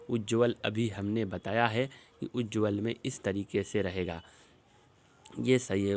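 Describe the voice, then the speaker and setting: Guy doing exam prep voice-over, lowish voice, goes through spelling questions one by one, drags words out slowly. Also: a little mellow. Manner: explains step by step, repeating words slowly as he spells them. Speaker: teacher.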